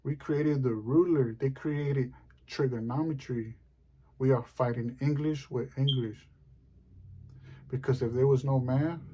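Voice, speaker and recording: A man performing a rambling, deadpan stand-up comedy monologue. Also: mid-range voice, slight background noise.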